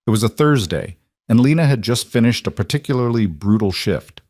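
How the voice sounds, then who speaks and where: A man narrating a romance story in a steady, even reading. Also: medium pitch, a little fast, dry recording. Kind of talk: scripted audiobook narration.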